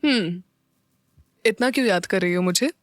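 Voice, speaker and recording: A woman voicing a calm, affectionate young man, a lawyer, speaking deeply and slowly in an audio story. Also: no echo, studio quality, close to an everyday voice. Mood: tender. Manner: deep, slow, low-key.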